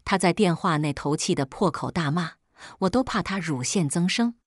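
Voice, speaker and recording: A woman reading a first-person story aloud in a sharp, sarcastic tone, recorded close to the mic. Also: fairly low pitch, animated, normal speed, no echo. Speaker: story narrator.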